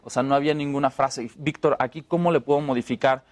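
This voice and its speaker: A man with a Mexican accent, an actor chatting as a guest and telling stories in a loose, relaxed way with restarts. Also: medium pitch, fast talker. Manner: relaxed storytelling, fillers and restarts. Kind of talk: casual interview chat.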